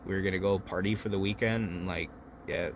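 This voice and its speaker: A man's voice: sits low, fairly even intonation, brisk, creaky, a little hiss or hum. A man in his thirties hosting a livestream, telling rambling, profane stories while a little drunk. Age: 30s. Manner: loose, profane storytelling. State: tipsy. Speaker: livestream host. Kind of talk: casual rambling chat.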